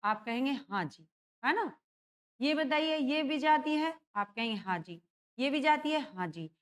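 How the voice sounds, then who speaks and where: High-voiced woman teaching a grammar class. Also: expressive, measured pace. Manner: checks in with students often, asks and answers own questions. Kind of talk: exam-prep grammar lesson.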